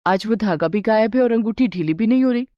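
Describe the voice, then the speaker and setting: Lady playing a bouncy young bride, always asking, high and lively, dry lo-fi cartoon audio. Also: brisk, no echo, natural voice. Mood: curious. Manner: wide-eyed, eager, questioning. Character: curious, excitable young daughter-in-law.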